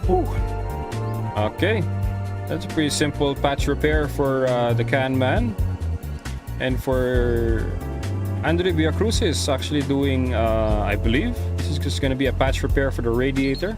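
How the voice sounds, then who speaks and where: A man from the Philippines doing live play-by-play for an online rally race, excitable and crying out at big moments. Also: medium pitch, moderate pace, music in the background. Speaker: rally stream commentator. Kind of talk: live esports play-by-play commentary.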